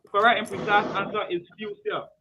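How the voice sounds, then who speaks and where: A man's voice: high voice, level tone, fast talker. A man from Liberia reading quiz questions and ruling on answers, emphatic and repeating his verdicts. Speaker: quizmaster. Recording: muffled lo-fi with faint noise.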